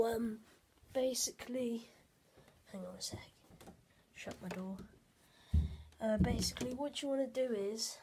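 A woman's voice: mid-range voice, darkish tone, a little hiss or hum. A woman vlogging a casual how-to from her bedroom. She rambles with lots of fillers and talks into a camera set on the bed. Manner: rambling, full of "basically" and "like" fillers. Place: bedroom, indoors. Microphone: camera mic set on the bed.

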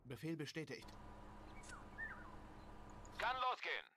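An actor voicing eager German soldiers in a video game, barking clipped military replies to orders. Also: male voice, a little high, sing-song, slow pace, very noisy. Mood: brisk, dutiful. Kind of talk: video game unit voice lines. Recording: faint game audio under loud music. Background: loud game music, vehicle sounds.

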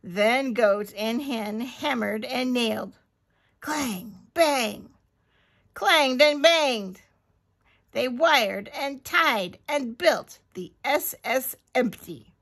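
A woman librarian reading a picture book aloud in a slow, expressive storytelling manner. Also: a little high.

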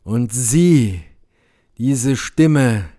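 A man reading a horror story as an audiobook in a measured, grave manner. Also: mid-range voice, animated, dark tone. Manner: slow, measured, grave delivery. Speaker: audiobook reader. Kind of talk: dramatic audiobook narration.

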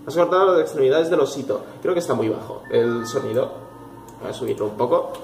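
A man's voice: mid-range voice, expressive, fairly quick, soft background music. Jumpy, swearing young man with a Spain Spanish accent. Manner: jumpy, swearing, jokey and easily startled. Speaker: gaming youtuber. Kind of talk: horror game let's play commentary. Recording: echoey room with faint noise.

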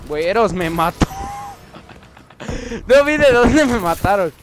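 A man with a Mexican accent giving casual gameplay commentary, chatty and excitable, often breaking into yells and exclamations. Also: high-pitched, slow, noisy background. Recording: loud game gunfire under voice.

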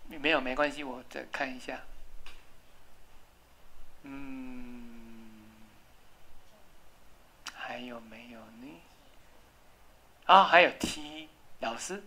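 Patient, very low-voiced woman teacher. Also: pushed and bright, slightly rough. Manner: patient, drills spelling and pronunciation slowly. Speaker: English teacher. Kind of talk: classroom English lesson. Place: classroom.

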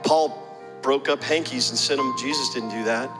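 A man's voice: mid-range voice, normal speed, long reverb tail, over loud music. A male pastor preaching a sermon, telling a story and then pressing the congregation with repeated questions.

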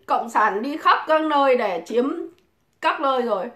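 A woman's voice: high voice, lively intonation, moderate pace, bright, forceful tone. A woman, crudely taunting and cursing in a mocking livestream rant. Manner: mocking, provoking, swears constantly. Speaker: livestream host. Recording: echoey room.

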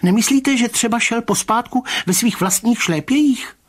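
Storybook part: man voicing a nervous, pushy gentleman, shaky and high, slightly husky edge. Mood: agitated. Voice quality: high, agitated, trembling voice. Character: anxious, excitable middle-aged man, insistent. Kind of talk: audiobook reading of a short story.

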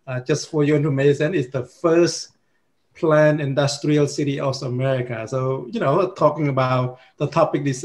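A man's voice: a little high, darkish tone. A man, introducing himself as a panelist on a video call in an earnest way, with many fillers and restarts. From Cambodia. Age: 50s. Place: indoors with a virtual background.

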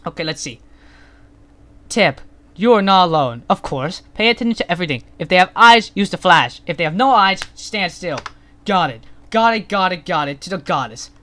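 A gaming channel host giving rambling, excitable let's-play commentary, full of fillers and restarts. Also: medium pitch, moderate pace.

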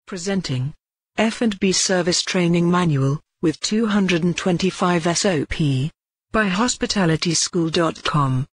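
A woman narrating a scripted promotional voice-over for a training manual, reading out a list of selling points in a steady pitch. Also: breathy edge, no room sound.

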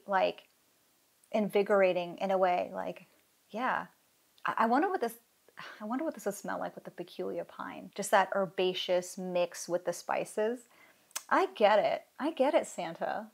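A woman in her thirties casually reviewing fragrance oils, excited and gushing, full of "like"s, in an indoor craft room at a close desk camera. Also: medium pitch, creaky. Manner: excited, gushing, chatty with many "like"s.

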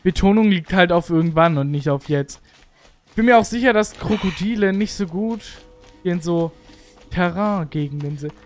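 A gamer gives casual let's play commentary, reacting excitably and complaining out loud. Their voice sits in a middle pitch, with frequent sudden exclamations. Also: normal speed, faint music behind. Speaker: gaming video creator.

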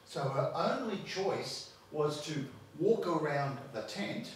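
A man's voice: fairly high pitch, lively intonation, slow, a little hiss or hum. A man with an Australian accent preaching a sermon as pastor, stressing points and repeating words as he builds them. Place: church. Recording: very echoey church hall, mic far off.

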